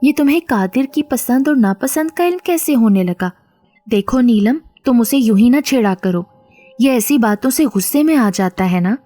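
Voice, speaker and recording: A woman reading the part of a concerned middle-aged aunt who questions and gently admonishes. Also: on the high side, lively intonation, moderate pace, soft background music.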